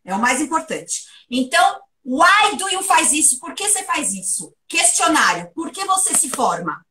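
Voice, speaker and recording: A woman giving a private English lesson, lively and playful as she runs question drills. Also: sits high, normal speed, far from the mic. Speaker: English teacher.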